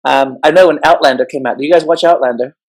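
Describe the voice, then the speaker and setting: A man's voice: a little high, quick pace, low-quality recording. A middle-aged man telling his story as a guest in a casual interview, impassioned and emphatic with a joking streak. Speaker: guest educator.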